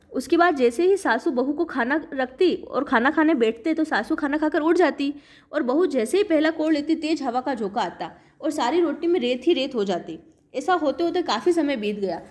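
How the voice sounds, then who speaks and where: Lady telling old devotional stories, high voice, simple homely way. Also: animated, normal speed, darkish tone. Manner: plain, homely storytelling tone. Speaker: storyteller. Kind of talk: devotional folk tale narration.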